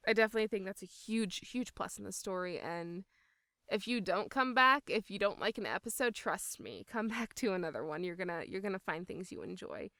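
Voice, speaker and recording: Laughing as she talks, a young voice actor chats casually as an interview guest, full of enthusiasm and emphasis. Her mid-range voice is expressive, brisk, pushed and bright, captured with clean studio sound and no room echo.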